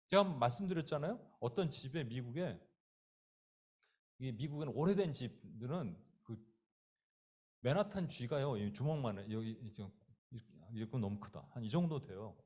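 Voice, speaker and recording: A man's voice: medium pitch, expressive, moderate pace, a little mellow. A man preaching a sermon as pastor, telling stories vividly and acting out voices in the quotes, speaking straight to his listeners. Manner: direct, addresses listeners and a child by name.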